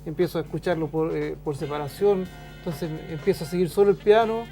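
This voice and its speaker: A middle-aged man with a Chilean accent, a teacher chatting on a talk show, thoughtful and pausing often. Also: on the high side, dark tone, faint music behind. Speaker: show host and school teacher. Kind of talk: casual conversation on a talk show.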